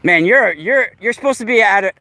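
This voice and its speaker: A man in his forties films himself outdoors in a park. He talks back to people sarcastically and repeats his points. His voice sits high, with a sharp, bright edge. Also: animated, brisk, gravelly. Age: 40s. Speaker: vlogger. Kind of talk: casual vlog, arguing with a stranger. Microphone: camera mic while filming.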